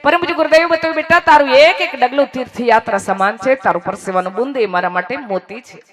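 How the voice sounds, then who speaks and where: A woman from Gujarat giving a devotional sermon to a large audience, lively, teasing the crowd and leading chants. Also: high-pitched, quick pace. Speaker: religious storyteller.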